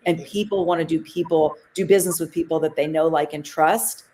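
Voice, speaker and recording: A woman co-hosting a podcast, giving advice in a slow, steady way. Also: sits low, slight background noise. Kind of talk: casual podcast chat.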